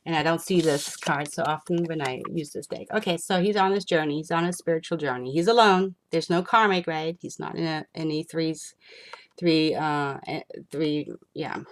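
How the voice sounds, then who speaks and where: A woman giving an enthusiastic spiritual tarot reading, excitable and rambling as she turns the cards. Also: low voice, moderate pace. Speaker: tarot reader.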